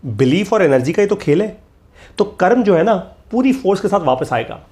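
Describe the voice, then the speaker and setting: A man's voice: sits high, expressive, moderate pace, darkish tone. A middle-aged man teaching a motivational course, emphatic and repetitive, slipping English phrases into his talk. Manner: emphatic, repeats key lines, mixes English phrases.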